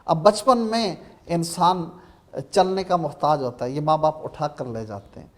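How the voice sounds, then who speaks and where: A man with a Pakistani Urdu accent speaks as a religious scholar on a Ramadan TV program, his voice sitting a little high. He preaches emphatically and slows down to recite verses. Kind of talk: Ramadan TV sermon-style talk.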